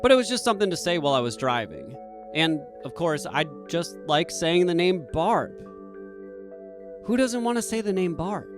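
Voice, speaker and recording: Brief: male storyteller from Boston, self-deprecating, bouncing pitch, a bit high, faint music underneath. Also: normal speed. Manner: animated, self-deprecating, emphatic. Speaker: storyteller, podcast host. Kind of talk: personal storytelling.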